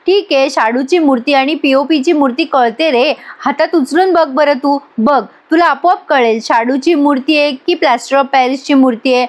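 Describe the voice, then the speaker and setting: A woman's voice: high voice, moderate pace, hardly any pauses, lightly acted. A woman voicing a strict, proud male college professor who scolds and lectures. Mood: stern.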